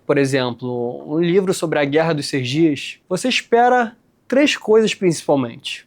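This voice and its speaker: A young man from Rio de Janeiro, hosting a casual explainer and talking straight to his viewers in relaxed slang. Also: high voice. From Rio de Janeiro, Brazil. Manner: conversational, addresses viewers directly with slang. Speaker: host, licensed tour guide.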